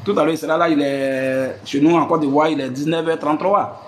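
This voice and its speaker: A man's voice: fairly high pitch, fairly even intonation, a little fast, slight background noise. A man hosts a live religious debate, asking rhetorical questions and repeating "hein". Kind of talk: live stream preaching to followers.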